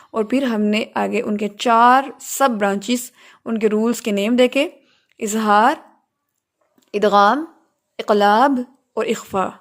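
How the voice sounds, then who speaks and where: High-voiced woman teaching patiently. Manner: patient, explanatory, mixes English terms into speech; stresses key words and asks students questions. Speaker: Quran recitation teacher. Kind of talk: lecture to students.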